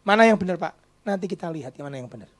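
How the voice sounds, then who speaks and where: A man preaching a sermon as pastor, swinging from loud declarations to hushed whispers and slipping into casual slang. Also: high voice, lively intonation. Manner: uses mixed casual slang and quick English asides. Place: church.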